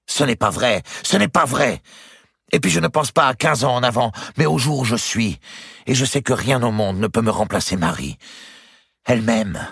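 A man voicing an impassioned young man in love, pleading and high-strung in a storybook reading. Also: lively intonation, moderate pace, gravelly, a bit bright, breathy edge, dry recording, clean studio sound, exaggerated voice. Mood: defiant.

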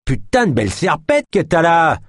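Voicing a burly young street gang member, a man taunts and bargains with a cocky swagger. He pitches his voice a little high, above his natural register, with lively intonation at a normal speed. The recording is dry, with clean studio sound.

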